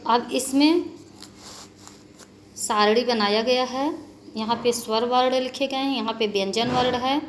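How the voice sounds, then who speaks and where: A woman teacher walks children through a grammar lesson, slowly and patiently, with a slightly high voice. She spells out letters one by one and repeats her points. Faint noise hums behind her. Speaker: school teacher.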